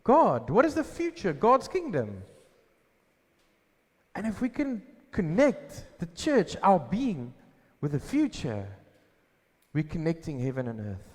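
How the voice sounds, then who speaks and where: A pastor preaching a sermon at a pulpit microphone, asking questions and answering them himself with emphasis. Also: male voice, a little high, huge pitch swings, slow pace, darkish tone. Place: church hall. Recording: long hall reverb.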